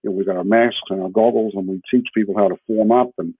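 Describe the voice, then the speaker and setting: A hemp builder with a New Zealand accent explains his work informally as a podcast guest, frequently checking in with the listener. His lowish, husky voice is fairly even and quick, with no echo, but the line sounds muffled and narrowband, like a phone.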